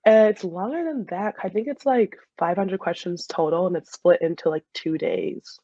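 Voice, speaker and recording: A woman in her twenties, a dental student and soccer player, chats easygoingly as an interview guest. Her low-sitting voice is sing-song and dark in tone at a moderate pace, with no room sound, though the audio is slightly muffled.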